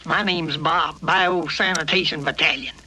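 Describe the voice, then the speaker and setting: An actor playing a battered old robot, weary and loyal, with a folksy old-timer way of talking, in a storybook dramatization. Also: male voice, on the high side, fairly even intonation, unhurried, noisy background, natural voice. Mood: weary, confiding.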